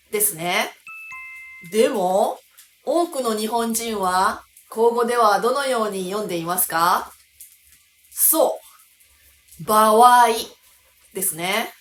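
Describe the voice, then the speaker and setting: A Japanese woman teaching pronunciation in a clear, deliberate lesson style. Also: on the high side, fairly bright tone, reverberant. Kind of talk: scripted language lesson.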